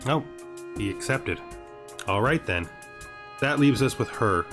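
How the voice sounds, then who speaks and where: Hosting a gaming series, this man talks through his play out loud after a scripted intro narration. He speaks slowly and expressively at a medium pitch, over background music.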